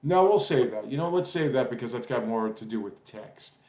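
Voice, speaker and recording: A man talks through a web coding lesson in a loose, rambling way, pausing to think aloud and filling gaps as he goes. His voice sits at an ordinary middle pitch. The recording has a noticeable roomy echo. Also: animated, a little mellow. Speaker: web development tutor. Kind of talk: casual screen-recorded coding tutorial.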